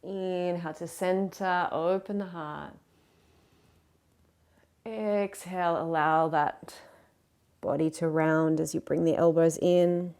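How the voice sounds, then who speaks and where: Gentle lower-voiced woman guiding yoga. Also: fairly even intonation. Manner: gentle, encouraging, unhurried cueing of breath and movement. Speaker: yoga teacher. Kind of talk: guided yoga class instruction.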